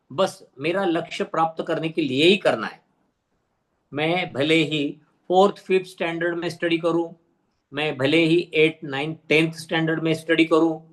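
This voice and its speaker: A man teaches a class of teachers over a video call, and his voice sits a little above the usual male pitch. He builds each point by asking a question and then answering it. When he reaches a hard word he slows down and repeats it carefully so the teachers get it right. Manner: drills careful pronunciation, repeating words slowly. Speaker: teacher trainer. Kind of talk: online teacher-training lesson.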